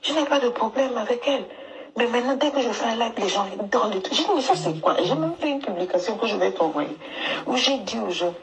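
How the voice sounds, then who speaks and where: A woman's voice: fairly high pitch, animated, fairly quick, crowd noise. A woman coach speaking in a voice message played back from a phone, hesitant, with many fillers and restarts. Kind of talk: casual spoken voice note. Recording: noisy voice message playback.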